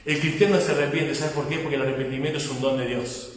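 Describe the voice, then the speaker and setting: High-voiced man preaching in echoey hall. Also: fairly even intonation, fast. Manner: emphatic preaching, addresses listeners as brother. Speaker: pastor. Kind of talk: sermon. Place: church hall. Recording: echoey hall, mic far off.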